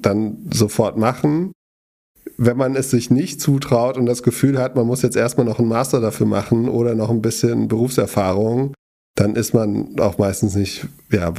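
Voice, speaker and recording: Co-host, male, gravelly mellow voice, frank advice-giver. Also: mid-range voice. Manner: giving frank, direct advice. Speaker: podcast co-host. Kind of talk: casual podcast chat.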